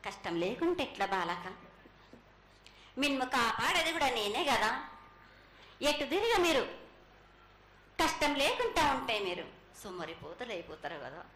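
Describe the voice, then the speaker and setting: A woman delivers prophetic trance pronouncements in a high, sharp, forceful voice. She commands like a mother goddess addressing her children, in halting, repeated phrases. The recording is echoey with faint noise behind it. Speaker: oracle speaking as a mother goddess to devotees. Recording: echoey, faint background noise at public ritual.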